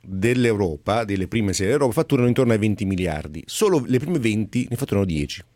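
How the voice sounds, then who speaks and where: Male studio pundit, low register, conversational explanations, dry close recording. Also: expressive, fast, a little mellow, dry recording. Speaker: studio guest, football business expert. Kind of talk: conversational expert opinion.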